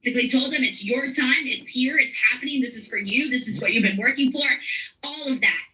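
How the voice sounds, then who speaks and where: A woman's voice: sits high, brisk, bright, forceful tone. A woman giving casual wrestling commentary in a clip. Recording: dull lo-fi clip audio.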